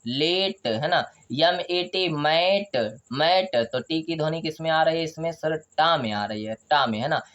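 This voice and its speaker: A man's voice: a little high, a bit bright, dull audio. Man quizzing and answering himself. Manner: drills by asking questions and answering them himself; spells out letters slowly, then says the word. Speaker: English teacher. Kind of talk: video lesson on English pronunciation.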